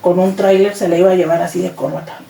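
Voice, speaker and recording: Mellow Mexican woman telling her story. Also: lowish voice, fast talker, vocal fry. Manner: animated retelling, acts out quoted dialogue. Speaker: interview guest. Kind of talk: personal testimony storytelling. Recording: roomy echo, distant mic, faint noise.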